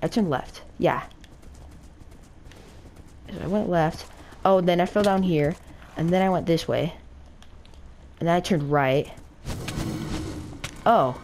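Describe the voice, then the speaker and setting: A woman playing a game with a friend, talking excitedly and nervously through every move in casual chat. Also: lowish voice, slow, long pauses, slight background noise. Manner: frantic, excitable, talks through each move aloud. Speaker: gaming channel co-host. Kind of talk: casual let's play chat.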